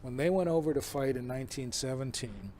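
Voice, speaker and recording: A man's voice: medium pitch, lively intonation, brisk, a little mellow, slight background noise. A man explaining a historical collection as a presenter, emphatically pointing out what matters. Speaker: museum presenter.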